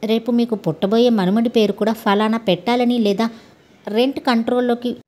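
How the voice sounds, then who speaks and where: Woman reading a brash, quick-tempered young man who shouts threats. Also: on the high side, fairly even intonation, close to an everyday voice. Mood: heated. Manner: loud, blustering.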